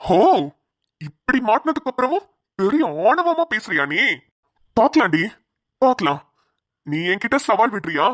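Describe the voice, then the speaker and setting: A woman's voice: on the high side, big pitch swings, moderate pace, pauses often, fairly bright tone, no room sound, clean studio sound. Woman voicing a bald gloating villain. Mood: taunting. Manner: menacing, taunting. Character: bald gloating male kidnapper villain, cruel. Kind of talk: cartoon voice acting.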